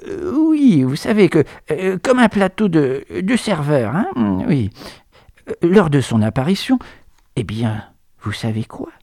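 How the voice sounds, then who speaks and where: A man's voice: a little high, sing-song, unhurried, mellow, dry recording, studio quality. A man narrating a whimsical radio chronicle in a theatrical manner, sometimes dropping into whispers for effect.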